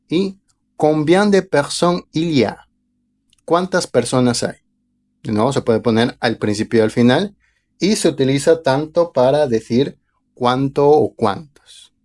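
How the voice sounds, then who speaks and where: Man slowly teaching a language lesson. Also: medium pitch, a little mellow. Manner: slow, careful pronunciation of example phrases. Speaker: French teacher.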